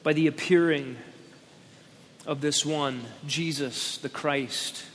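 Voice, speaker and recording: A man preaching a sermon as pastor at a pulpit microphone, emphatic and slowing down on key words. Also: on the high side, fairly even intonation, a little hiss or hum. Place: church sanctuary, speaking at a pulpit microphone. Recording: long church-hall reverb.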